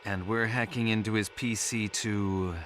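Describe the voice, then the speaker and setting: A man's voice: lowish voice, steady tone, a little slow, a bit bright, slight background noise. An actor in his thirties playing an anxious, earnest father, speaking in a hesitant, worried way in a video game. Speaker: father searching for his daughter.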